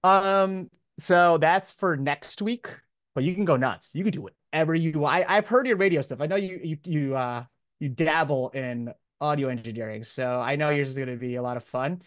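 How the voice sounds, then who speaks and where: This man's voice sits on the high side and moves at normal speed as he speaks as a college professor. His lecture to the class is informal and encouraging, full of casual slang, recorded in studio quality without echo.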